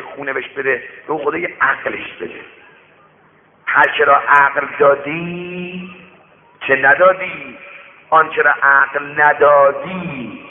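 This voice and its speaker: Preacher telling a moral tale on radio. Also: male voice, a little high. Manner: lively, addresses listeners directly with warnings. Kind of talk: moralizing sermon storytelling. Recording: tinny radio broadcast with long reverb.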